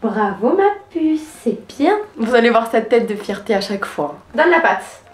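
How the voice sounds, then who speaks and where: A playful young woman from France talks through a home vlog with her puppy, slipping into high sing-song calls to the dog. Her voice sits high, the room gives it a clear echo, and faint music plays behind her. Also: expressive, moderate pace. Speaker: vlogger. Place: home, indoors. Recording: echoey room with background music.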